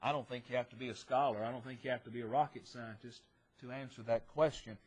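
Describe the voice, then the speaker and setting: A man preaching a sermon in church, stressing phrases loudly and dropping to quiet asides, asking rhetorical questions and answering them himself. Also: mid-range voice, steady tone, fast talker, slightly rough.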